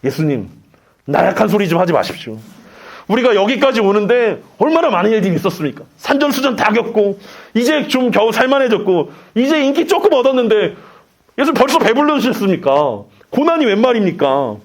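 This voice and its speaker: A pastor acting out an agitated male disciple who confronts his teacher in a low, pressing voice. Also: lively intonation, fairly quick, slightly rough. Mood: indignant.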